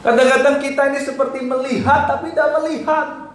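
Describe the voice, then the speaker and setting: High-voiced preacher in an echoey hall. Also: male voice, steady tone, fairly quick. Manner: exhorting, pleading and emphatic, swinging between loud and soft. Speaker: pastor. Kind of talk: sermon. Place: church hall. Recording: echoey church hall with faint noise.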